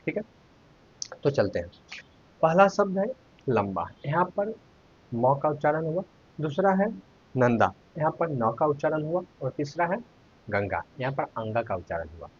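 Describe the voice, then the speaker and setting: A man with a somewhat high, husky voice gives an online grammar lesson. He quizzes his viewers and then answers the question himself. He spells out letters one by one, and the recording sounds dull and lo-fi. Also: big pitch swings, measured pace, pauses often. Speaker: Hindi teacher.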